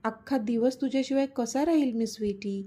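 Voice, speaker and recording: A woman's voice: on the high side, moderate pace, mellow, husky. A woman voicing a playful, teasing young man, the romantic lead of a spoken story.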